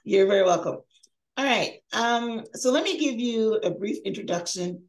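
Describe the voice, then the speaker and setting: A middle-aged woman, a podcast host and life coach, reads a scripted introduction over a video call from a room at home before an interview. Her slightly high voice is expressive and upbeat, with emphatic delivery at a normal speed, though the recording is rough.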